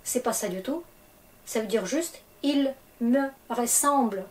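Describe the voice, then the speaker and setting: Slow, patient woman teaching a language. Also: a little high, a little mellow, poor audio. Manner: slow, patient explaining with frequent hesitations. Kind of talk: explaining grammar to French learners.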